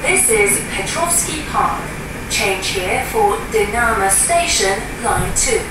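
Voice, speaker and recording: Slow, lilting woman on a train intercom. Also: lively intonation, far from the mic. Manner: slow, careful, sing-song. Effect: over the train intercom. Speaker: metro announcer. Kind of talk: recorded transit announcements. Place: moving metro train car. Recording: echoey loudspeaker in a rumbling train car. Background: loud train rumble.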